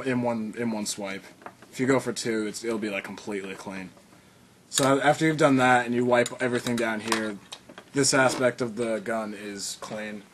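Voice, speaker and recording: With background noise present, a man with a lowish voice rambles through a casual hands-on tutorial he's making for video. Fillers and restarts are frequent, and he coughs occasionally.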